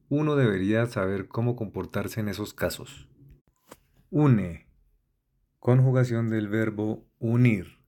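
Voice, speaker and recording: Slow, deep-voiced man reading word definitions. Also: dark tone. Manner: measured, spelling out letters and accents. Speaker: word list reader. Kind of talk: slow dictionary-style reading.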